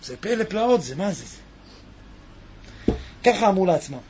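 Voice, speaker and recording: A man teaching a Talmud lesson, reading Aramaic lines and explaining them with animated rhetorical questions to his class. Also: sits high. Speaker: Torah teacher. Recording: dull lo-fi recording.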